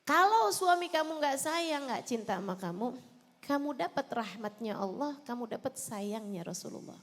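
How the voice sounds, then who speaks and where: A woman preaches in a big, reverberant hall. She talks straight to the wives in the room, hitting some lines loud and sinking others into soft pleading. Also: high-pitched, lively intonation, moderate pace. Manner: impassioned, addressing wives directly, swinging between loud emphasis and soft pleading. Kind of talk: sermon. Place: large hall at a religious celebration.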